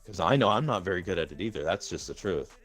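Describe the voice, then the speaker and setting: A fairly low-pitched man talks loosely in a voice chat, rambling, swearing and tripping over his words as he lays out plans for his gaming group. Faint music plays behind him. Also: expressive, fast talker, a bit bright. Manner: rambling and profane, with many restarts. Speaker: gaming community leader. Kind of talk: casual voice-chat talk.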